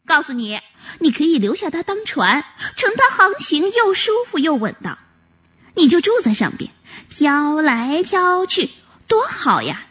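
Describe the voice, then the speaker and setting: Woman doing a cheeky duckling, storybook voice, very high, bright and sharp. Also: big pitch swings, heavily acted. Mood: coaxing. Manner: teasing, coaxing, quick. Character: cheeky, teasing little duckling.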